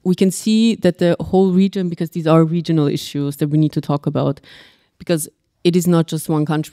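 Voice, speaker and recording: A woman's voice: deep voice, dark tone, no echo, clean studio sound. A young woman from Austria speaking earnestly as a panelist, restarting phrases as she thinks aloud. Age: young adult. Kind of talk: panel discussion.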